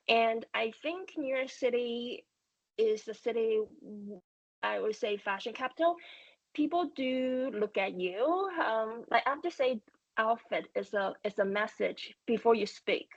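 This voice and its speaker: A middle-aged woman from Taiwan with a Taiwanese accent, a startup founder speaking as a guest in a fireside chat interview, halting, with many fillers and restarts. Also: on the high side, no room sound, lo-fi sound.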